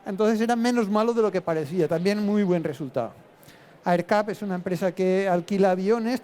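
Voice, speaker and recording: A man's voice: sits high, a little mellow. A man giving a live presentation to an audience as an invited investor, explaining his reasoning in a plain-spoken way and thinking aloud.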